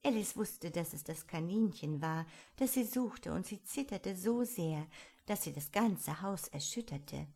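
A woman narrating an audiobook in a calm, even storytelling manner. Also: fairly low pitch, measured pace, gravelly, breathy edge.

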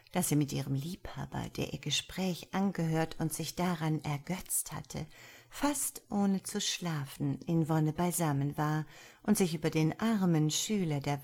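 A woman narrating an old tale in a measured storybook reading. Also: deep voice, gravelly, a little mellow.

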